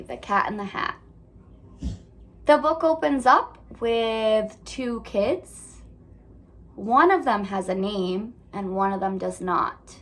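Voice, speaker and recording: An elementary school teacher with a fairly high, bright voice reads aloud to young children and teaches them a lesson. She speaks instructively and frequently asks them questions.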